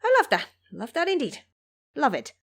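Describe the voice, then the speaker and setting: An excitable monkey hero, played by a woman for an audio drama. The voice leaps high and swings widely in pitch, brash and eager, exclaiming like a devoted disciple. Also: normal speed, vocal fry, exaggerated voice. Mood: delighted.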